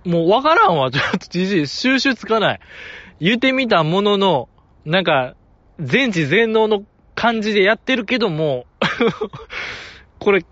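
A man's voice: high-pitched, very animated, unhurried, a bit bright, dry recording, highs cut off. A man with a Kansai accent hosting a casual solo podcast, playfully teasing his listeners and laughing often. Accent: Kansai Japanese. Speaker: podcast host.

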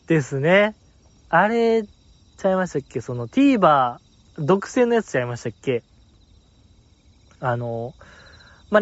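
A man's voice: high voice, no echo. A man with a Kansai accent hosting a podcast, chatting casually and playfully about listener mail. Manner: lively, playful commentary with frequent laughs. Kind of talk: casual chat. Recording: dull lo-fi, dry.

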